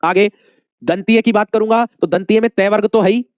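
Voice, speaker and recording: A man's voice: high voice, steady tone, normal speed, smooth, no echo, studio quality. A male Hindi teacher giving an exam-prep lesson, calling his students dear friends, asking questions and repeating the answers many times.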